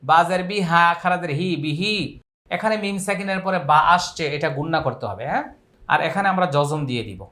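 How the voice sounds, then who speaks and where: A man from Bangladesh teaching Quran reading with a Bangladeshi accent, spelling each word letter by letter and then chanting it in long drawn-out recitation. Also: a little high, lively intonation, bright, forceful tone. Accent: Bangladeshi Bengali. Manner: slow drawn-out chanted recitation between brisk spelling drills.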